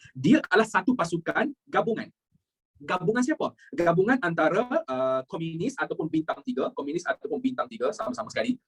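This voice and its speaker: A man's voice: a little high, slightly rough, rough recording. A young Malaysian man teaching a live online history class, jokey and repeating his key points, mixing in English phrases.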